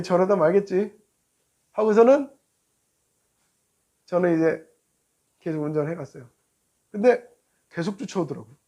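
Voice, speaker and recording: A male pastor giving a sermon, telling a road-rage story in an animated way and acting out both drivers. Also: sits high.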